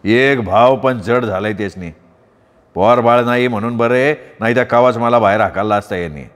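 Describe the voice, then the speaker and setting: A blunt, defiant young village husband, played by a man in his own natural register. He is proud and quick to scorn. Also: medium pitch, in a large hall, lightly acted. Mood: scornful.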